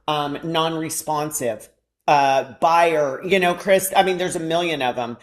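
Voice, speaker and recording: Low-voiced woman leading a training session. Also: measured pace. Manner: conversational, explains step by step. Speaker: real estate trainer. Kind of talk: training presentation.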